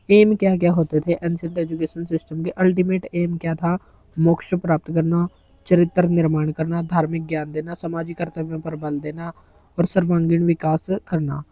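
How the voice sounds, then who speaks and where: A man's voice: fairly high pitch, dry recording. A male teacher giving an exam-prep lecture, explaining terms and running through lists one by one. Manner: explains in Hindi mixed with English terms, lists items one by one. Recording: slightly dull, dry recording.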